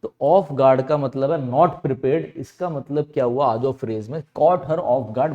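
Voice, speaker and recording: Male grammar teacher, mid-pitched and mellow, repetitive step-by-step explaining style. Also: highs cut off. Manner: explains step by step, repeats key words, asks and answers his own questions. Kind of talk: exam-prep grammar lesson.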